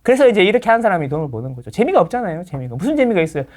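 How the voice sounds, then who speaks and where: A real estate lecturer appears as a guest on a casual talk-show interview, lecturing with playful impressions of other people and quick tag questions. His voice is high-pitched with big swings in pitch.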